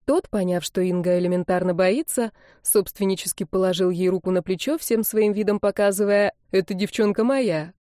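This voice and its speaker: A woman narrating a young-adult novel in a lively, expressive way. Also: medium pitch, brisk, hardly any pauses, no echo, studio quality. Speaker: audiobook reader.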